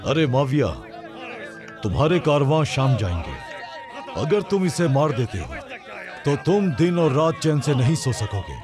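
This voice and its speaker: A man's voice: on the high side, big pitch swings, measured pace, pauses often, over music. A man voicing an angry male townsman who commands and warns a crowd in a dubbed film. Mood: warning. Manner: shouting, commanding. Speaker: dub actor. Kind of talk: Urdu film dubbing. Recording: crowd noise and film score.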